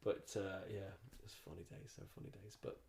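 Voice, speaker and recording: A man's voice: sits low, fairly even intonation, fairly quick, gravelly, darkish tone. A man from the countryside, a comedian guest, telling stories in a loose, rambling way with lots of restarts. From Ireland. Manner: rambling, storytelling with many restarts. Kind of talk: casual podcast chat.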